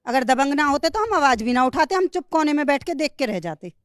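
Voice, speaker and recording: A housewife, speaking bluntly and boldly as an interviewee. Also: female voice, sits high, sing-song, a little fast, no room sound. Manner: blunt, outspoken and bold. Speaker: interviewee, neighbor. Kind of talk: casual interview chat.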